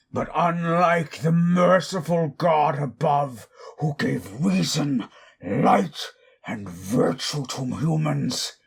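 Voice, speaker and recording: A man playing Frankenstein's bitter, anguished monster in a dramatic audio monologue, with a raspy, gravelly voice and theatrical, archaic, deliberate delivery. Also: on the high side, full character voice. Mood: accusing, brooding. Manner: slow, deliberate, theatrical, archaic formal diction. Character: Frankenstein's monster, bitter, anguished, wrathful abandoned male creation.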